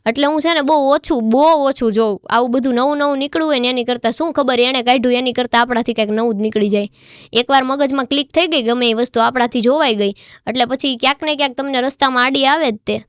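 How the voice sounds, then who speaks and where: A young woman folk singer tells stories in a relaxed podcast chat, lively and repeating herself for emphasis. Her voice sits a little high and sounds clear and smooth. The studio mic gives a close, dry sound. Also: fast talker, no room sound. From Gujarat. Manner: chatty, animated, repeats phrases for emphasis. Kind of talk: casual storytelling interview.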